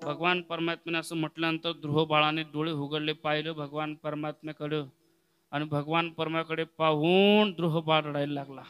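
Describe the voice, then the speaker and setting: A man's voice: a little high, little pitch movement, moderate pace, fairly bright tone, clear, resonant tone, faint music behind. A man preaching a devotional kirtan, telling stories and breaking into sung verses, with asides to the audience. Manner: storytelling sermon broken by sung verses; addresses the audience directly with asides.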